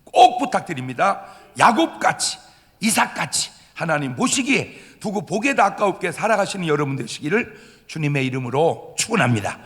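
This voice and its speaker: Male pastor, sermon, high lively voice, echoing church hall. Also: moderate pace. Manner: animated preaching, acts out crying children. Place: church sanctuary.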